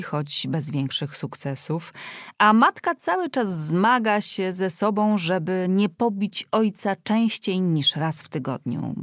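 A woman's voice: lowish voice, no room sound. A woman voicing a wry young nephew. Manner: dry, politely ironic.

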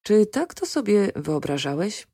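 A woman's voice: medium pitch, sing-song, unhurried, mellow, breathy edge, dry recording, clean studio sound, exaggerated voice. A woman reading a restless, teasing young woman.

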